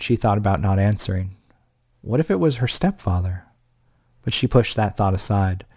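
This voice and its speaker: Low-voiced guy reading an audiobook, even and measured, dry close sound. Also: no room sound. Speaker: audiobook narrator. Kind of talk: scripted audiobook narration.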